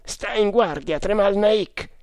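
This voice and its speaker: A man's voice: high voice, normal speed, gravelly, dry recording, pitched above the performer's own voice. A wary oarsman calling out urgent warnings from the boat, as a storyteller puts him on. The voice jumps well above the reader's usual tone and sounds strained. The sound is dry and close. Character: wary male rower, urgent companion.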